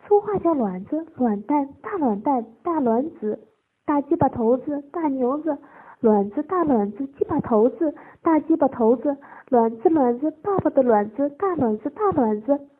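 A woman voicing a female bank manager in her forties, shy turning eager, speaking in breathless high-pitched bursts. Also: expressive, moderate pace. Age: 40s. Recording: tinny phone-like lo-fi audio.

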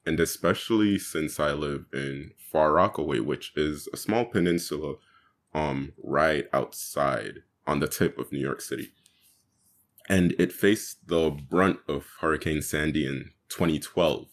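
Deep-voiced young man from Jamaica. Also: measured pace. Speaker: guest youth activist. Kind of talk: casual interview talk.

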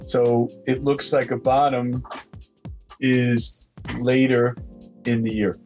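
An older Dutch man, a guest in a market research phone interview, chats casually and reads long lists of dates aloud. His medium-pitched, slightly mellow voice is flat and slow, with faint music in the background.

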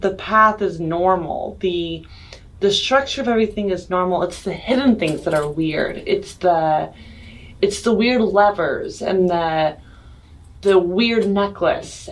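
A woman's voice: medium pitch, rough recording. A woman playing in a tabletop game, eager and chatty as she describes her character's actions. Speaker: player. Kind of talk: tabletop role-play chat.

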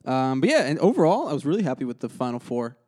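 A man's voice: mid-range voice, very animated, quick pace, dark tone. Young man, podcast co-host, laid-back, slangy, repeats words, casual sports talk.

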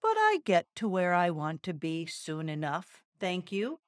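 Lady doing a slow steady old tortoise, calm and sure of himself, storybook voice. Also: fairly low pitch, dry recording, studio quality. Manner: slow, unhurried and quietly confident.

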